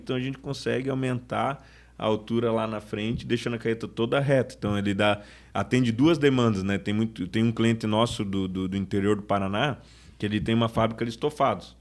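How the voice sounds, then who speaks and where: A man, a sales manager talking casually in a podcast interview, often restarting his sentences. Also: on the low side. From Brazil. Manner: chatty, restarts sentences often, acts out customer quotes.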